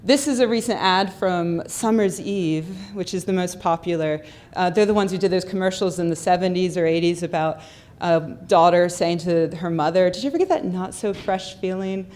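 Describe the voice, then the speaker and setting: A young adult woman with a lowish, slightly mellow voice gives a humorous, sarcastic, skeptical conference talk at a moderate pace. She speaks into a handheld or stand microphone on a lecture hall stage, with plenty of ums and repeated words.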